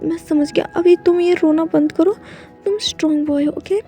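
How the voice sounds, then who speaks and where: A woman's voice: very high voice, steady tone, moderate pace, dark tone, soft background music. A woman doing a coaxing older brother. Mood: soothing. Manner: soothing, coaxing. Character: calm protective older brother, a young man.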